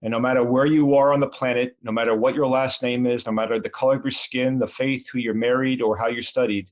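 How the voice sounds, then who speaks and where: A man's voice: medium pitch, level tone, fast. Earnest, rambling middle-aged man. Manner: earnest, rambling, self-deprecating. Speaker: sports league commissioner. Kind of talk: interview answers.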